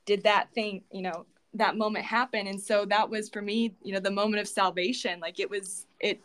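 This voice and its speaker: A woman in a personal conversational interview, earnest and halting, telling her faith story at home with many restarts and fillers. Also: mid-range voice, slight background noise. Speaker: guest sharing her faith testimony.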